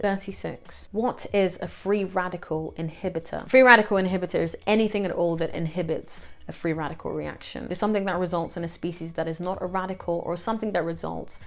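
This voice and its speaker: Woman tutor, low and creaky voice, steady question-and-answer revision read, dry asides. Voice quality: gravelly, creaky voice.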